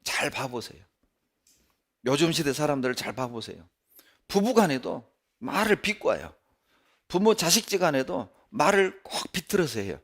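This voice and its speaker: A male pastor delivering a sermon in a church, emphatic, with sharp rises and falls. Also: on the high side, normal speed, long pauses. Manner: animated, emphatic preaching with sharp rises and drops.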